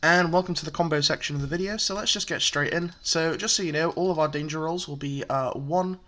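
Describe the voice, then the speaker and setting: A man's voice: fairly high pitch, brisk, sharp tone. A man casually walking through a card game deck, chatty and full of fillers, explaining step by step. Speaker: deck profile presenter.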